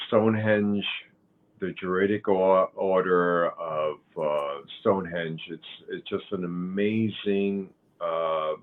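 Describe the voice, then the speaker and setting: A man around sixty from Cuba, a guest in an interview, talking slowly and haltingly with many fillers and restarts. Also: sits low. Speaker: guest, author and pagan high priest. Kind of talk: interview conversation. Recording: thin phone-like line.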